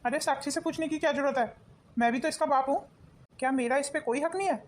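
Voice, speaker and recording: An insistent father visiting his son, with a rather high, quick voice, played by a woman. This is family melodrama acting. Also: a little hiss or hum, lightly acted.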